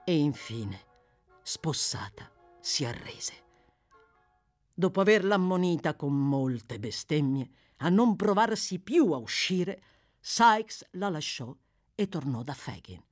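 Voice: mid-range voice, very animated, slow, faint music behind. An audiobook narrator reading a classic novel with dramatic, varied delivery. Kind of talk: expressive scripted narration.

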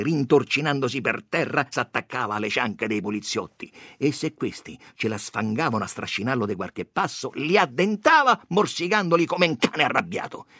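Expressive man narrating a story. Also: mid-range voice, no room sound, studio quality. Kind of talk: dramatic story reading.

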